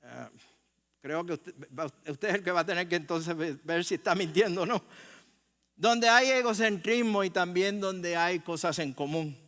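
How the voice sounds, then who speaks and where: A man's voice: high voice, moderate pace, a bit bright. An older man with a Puerto Rican accent preaching a sermon in a conversational way, asking the congregation questions and joking. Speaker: pastor. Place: church sanctuary. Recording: long church hall reverb.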